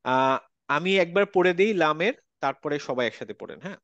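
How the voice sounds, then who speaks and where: A man's voice: fairly high pitch, lively intonation, brisk, fairly bright tone, no echo, lo-fi sound. A man teaching Quran letter pronunciation in an online class, patiently repeating each sound. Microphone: video call.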